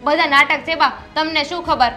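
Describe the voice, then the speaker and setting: Brief: actress as a domineering sister-in-law, high and bright, scolding. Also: female voice, steady tone, moderate pace, faint music behind. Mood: angry. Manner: scolding, sharp and demanding. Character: bossy young sister-in-law, quarrelsome. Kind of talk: family drama acting.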